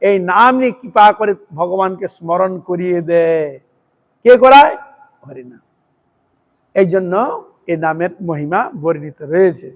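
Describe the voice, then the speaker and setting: A man with a Bengali accent giving a devotional sermon, chanting verses slowly and then explaining them with emphatic repetition. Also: sits high, long reverb tail. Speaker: preacher.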